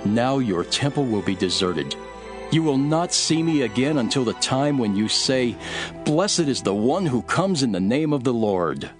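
An actor playing Jesus as a solemn, earnest teacher in a dramatized scripture reading, speaking in a measured, emphatic, preaching way. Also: male voice, mid-range voice, lively intonation, lightly acted. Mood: sorrowful warning. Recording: music behind the voice.

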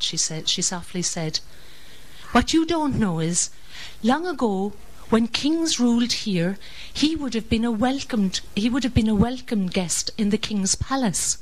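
Higher-voiced Irish woman reciting poetry. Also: low-quality recording. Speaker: poet.

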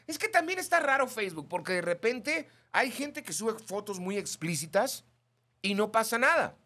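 A man with a Mexican Spanish accent, hosting a radio show and chatting casually while reading listener messages, gossipy and animated. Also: fairly high pitch. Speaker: radio host.

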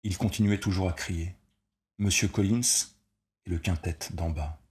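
A man narrating a short story as an audiobook reader, measured and steady. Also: sits low.

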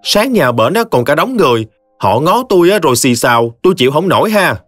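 A man voicing a sulky, sharp-tongued young bride with a Southern Vietnamese accent, talking in a whiny, defiant way. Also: fairly high pitch, big pitch swings, a little fast, no echo, faint music behind, pitched above the performer's own voice.

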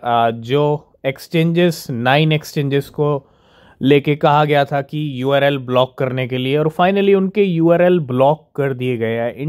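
A man giving casual crypto news commentary, reading English headlines slowly and explaining them in Hindi, often checking in with "theek hai?". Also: on the high side, a little mellow. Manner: keeps asking "ठीक है?" to check in with viewers.

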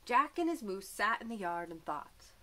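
A woman teacher reading a storybook aloud to young children, gentle and clear, with small asides about the pictures. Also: mid-range voice, sing-song, moderate pace, slight background noise.

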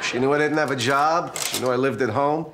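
A man's voice: medium pitch, fairly quick, heavy background noise, close to an everyday voice. An actor playing a fretful, self-pitying single man in a sitcom, with audience laughter on the soundtrack. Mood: whiny. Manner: whiny, fretful. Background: studio audience laughter.

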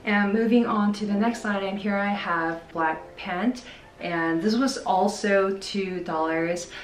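A woman's voice: mid-range voice, slow. A woman, chatting casually to camera about clothes she bought, full of "like" fillers. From South Korea. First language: Korean. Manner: chatty, many "like" fillers, upbeat. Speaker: fashion vlogger. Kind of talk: casual try-on haul talk to camera. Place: plain indoor room by a wall. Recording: echoey room with music bed.

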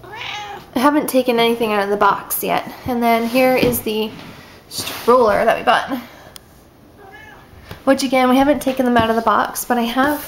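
A woman's voice: fairly high pitch, expressive, moderate pace, background noise. A young woman casually showing her spare room on a handheld camera, chatty and upbeat, a little out of breath. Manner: chatty, upbeat, lots of fillers. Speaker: vlogger. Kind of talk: casual home tour vlog. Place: spare room upstairs in a house.

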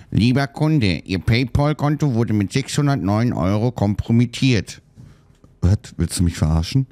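A man's voice: on the low side, warm tone, no room sound. A man chatting casually while playing a game, muttering to himself and getting annoyed easily. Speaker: let's play host. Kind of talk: casual gameplay commentary.

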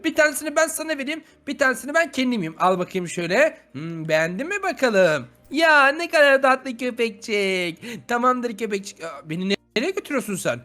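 A man playing a grumpy, unlucky young man in an animated game video, grumbling and exclaiming often. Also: extremely high pitch, a little fast, hardly any pauses, heavily acted. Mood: cooing. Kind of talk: animated game role-play.

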